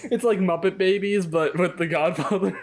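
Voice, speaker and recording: A young man in a casual podcast chat with a slightly higher voice than most men. He jokes around with the others and laughs easily. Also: steady tone, normal speed. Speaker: podcast co-host.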